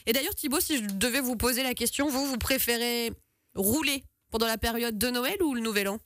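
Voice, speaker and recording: A woman's voice: a little high, a little fast, a bit bright. A woman hosting a live radio talk show from a studio, chatty and reading out listener messages. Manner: chatty, reads listener messages, laughs easily. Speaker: radio host. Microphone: studio microphone.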